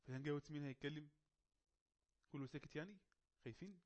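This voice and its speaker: A man with an Egyptian Arabic accent running an online English class, coaxing and teasing quiet students to speak up. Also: a little high, rapid-fire. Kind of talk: casual online class moderation.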